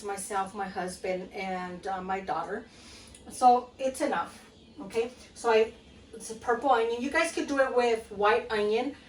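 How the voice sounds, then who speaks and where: In her home kitchen, a home cooking vlogger from Guatemala, likely in her thirties, walks through a recipe in a chatty, meandering way, full of fillers and frequent "okay?" checks. Her voice is a little high. The mic is set back, giving a roomy sound with faint room noise.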